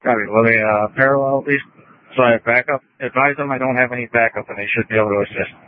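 A man's voice: medium pitch, fast talker, no room sound. A man, a police officer in pursuit, giving terse, clipped updates over a police radio. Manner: clipped and flat. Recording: tinny dry radio transmission.

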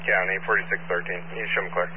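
A man's voice: low-pitched, quick pace. A male police officer talking tersely over police radio. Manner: terse, flat radio talk. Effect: police radio transmission. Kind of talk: radio traffic. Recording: tinny radio with faint static.

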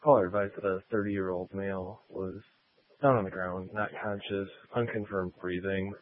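A man dispatches calls over a police radio in a clipped, businesslike way. His voice sits low and barely moves in pitch. The transmission is thin, tinny and dry. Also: normal speed. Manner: flat, clipped and matter-of-fact.

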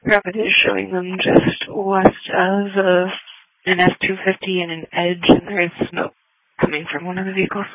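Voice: mid-range voice, flat delivery, normal speed, dry recording. A dispatcher giving terse, clipped call numbers over police radio. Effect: heard over police radio. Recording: tinny, dry radio transmission.

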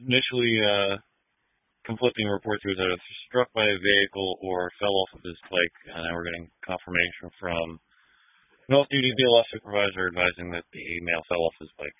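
Low-voiced dispatcher over a two-way radio. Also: male voice, brisk, no room sound. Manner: clipped, businesslike relaying of details. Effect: two-way radio transmission. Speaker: emergency dispatcher. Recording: tinny narrow-band radio.

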